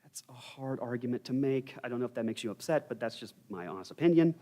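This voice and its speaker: Lively young man teaching Bible study. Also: medium pitch, fast. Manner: candid, conversational, with wry asides. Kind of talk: informal Bible study lecture. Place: church.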